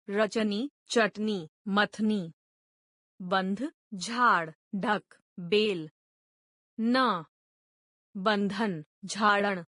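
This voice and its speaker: A woman reading a grammar lesson aloud, going through word lists one item at a time in a measured, deliberate way. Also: mid-range voice, fairly bright tone, dry recording, studio quality. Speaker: grammar teacher.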